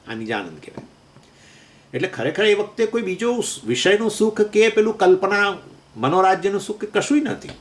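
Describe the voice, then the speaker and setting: This man's medium-pitched voice carries vocal fry, against slight background noise. He's a Vedanta teacher giving a scripture lecture, slowly chanting Sanskrit verses, using everyday examples, and asking and answering his own questions.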